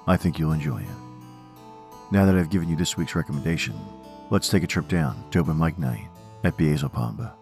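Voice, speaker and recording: A man with a gravelly voice narrating as a theatrical, ominous horror host, reading scripted tales and verse. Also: rumbling low, animated, a little fast, a little mellow, soft background music.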